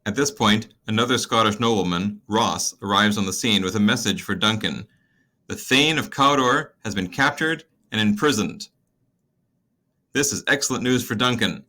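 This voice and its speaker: A man's voice: on the low side, normal speed, bright, forceful tone. A man narrating a casual scene-by-scene summary of a play, in a wry, conversational manner.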